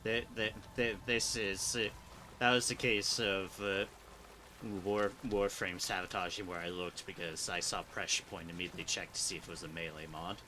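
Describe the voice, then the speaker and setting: A man with a lowish voice chatting through a co-op game, dry and a little self-deprecating. Steady background noise runs under his voice. He rambles and stumbles when he explains things. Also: normal speed. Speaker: co-op game player. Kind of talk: casual gaming chat.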